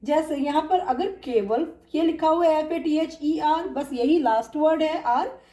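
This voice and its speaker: A woman teaching pronunciation, repeating example words slowly and patiently. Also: sits high, mellow, echoey room, far from the mic. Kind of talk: spoken English lesson.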